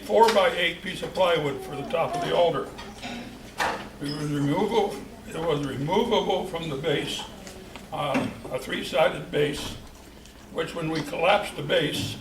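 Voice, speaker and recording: Older man reminiscing in an echoey hall. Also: a little high. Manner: unhurried, folksy storytelling with restarts. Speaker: charter church member. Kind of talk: reminiscing speech at a church event. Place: church hall. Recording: echoey hall, distant mic, noisy.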